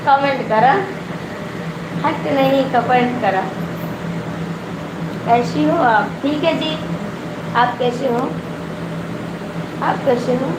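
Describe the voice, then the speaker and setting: A woman with an Awadhi accent chats slowly with viewers in a phone live stream, her voice set high. She teases people and keeps coaxing them to comment. The room echoes, and a loud air cooler roars behind her. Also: heavy background noise. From Awadh region, India. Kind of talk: casual chat with live viewers.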